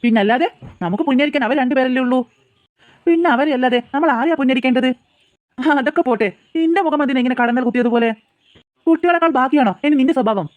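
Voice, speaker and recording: A woman's voice: high-pitched, fast talker, no room sound, narrow, tinny audio, natural voice. A woman voicing a cheerful middle-aged father in a cartoon, teasing and fond with his family. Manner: fond, chiding, joking. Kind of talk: cartoon voice acting.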